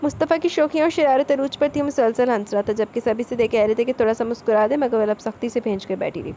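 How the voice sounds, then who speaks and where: A woman reading a romance novel aloud as narrator, expressive and steady. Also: fairly high pitch, a little hiss or hum. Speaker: audiobook narrator.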